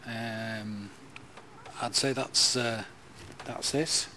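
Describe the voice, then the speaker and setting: A man chairing a conference panel, soft-spoken and filler-heavy, as he closes the session. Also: on the low side, fairly even intonation, very slow, slight background noise. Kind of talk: moderating a panel. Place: conference hall.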